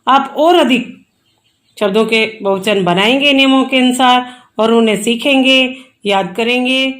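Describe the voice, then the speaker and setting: Slow, patient woman teacher spelling words. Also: fairly high pitch, fairly bright tone. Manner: spells out letters slowly, patient explaining. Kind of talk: online English grammar lesson.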